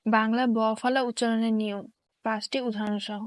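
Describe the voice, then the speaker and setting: A woman teacher slowly reading grammar rules and examples in a careful, dictation-like way. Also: on the high side, flat delivery, dry recording.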